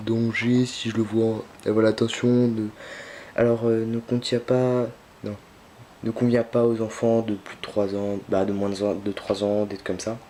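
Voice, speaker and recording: Young male vlogger, lowish voice, casual and halting, home camera recording with faint noise. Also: warm tone. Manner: hesitant, many fillers and restarts. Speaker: unboxing vlogger. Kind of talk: casual unboxing commentary.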